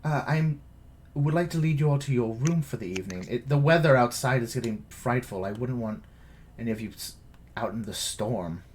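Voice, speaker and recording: A man's voice: mid-range voice, normal speed, a little hiss or hum, lightly acted. A man voicing a polite, hesitant female castle servant in a tabletop game. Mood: fussy. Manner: hesitant, courteous, stammering.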